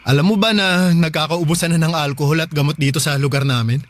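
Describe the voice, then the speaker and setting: In a conversational radio drama, a Filipino man plays an anxious, protective provincial husband on a phone call, fretting and urging. His voice sits on the high side, fast with fairly even intonation, natural, with a little hiss or hum and faint music behind.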